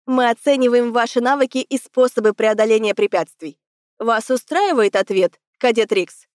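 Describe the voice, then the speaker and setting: A woman's voice: on the high side, normal speed, a little mellow, dry recording, studio quality, lightly acted. A woman voicing a strict female officer in charge of cadets, who talks in a curt, commanding way. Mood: businesslike.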